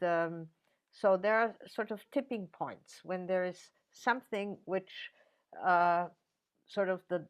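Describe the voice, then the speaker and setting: An older woman speaks slowly and deliberately, giving an academic answer in an interview. Her voice sits fairly low, and she pauses often on fillers and restarts. The sound is dull and lo-fi, like a video call. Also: smooth. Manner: measured, many fillers and restarts. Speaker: interviewee, professor.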